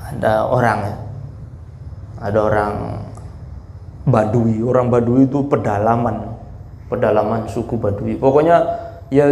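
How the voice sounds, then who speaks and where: A man preaching in a relaxed, storytelling way. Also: mid-range voice, slight background noise. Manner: relaxed, chatty, mixes in laughs. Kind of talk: sermon storytelling.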